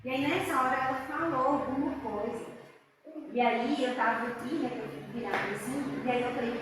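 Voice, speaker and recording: A woman's voice: a little fast, a crowd in the background. Far-off echoey woman telling stage stories. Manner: animated, acts out quoted lines with big pitch jumps. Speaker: actress talking about her solo show. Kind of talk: casual storytelling chat. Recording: echoey hall, from far off, noisy.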